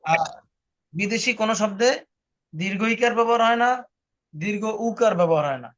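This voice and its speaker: A man's voice: high voice, fairly quick, fairly bright tone. A man teaching a spoken language lesson, patiently explaining rules and repeating them for his student. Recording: muffled lo-fi online recording.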